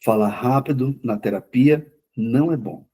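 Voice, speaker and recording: A man lectures a class in a quick, conversational way, often repeating words to drive a point home. His voice is dark and mellow, with a slightly husky grain. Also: mid-range voice. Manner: says himself he talks fast. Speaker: lecturer on mental health therapy.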